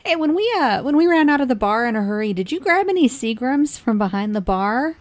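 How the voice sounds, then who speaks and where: A tough, no-nonsense old woman driver, as a woman puts her on barks her questions in a raised, sharp voice. The pitch climbs well above the woman's own speaking voice. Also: expressive, brisk, close to an everyday voice. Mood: urgent.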